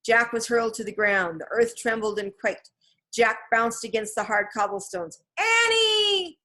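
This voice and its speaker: In a medium pitch, a woman reads a children's book as a scripted narration, keeping her delivery measured yet expressive.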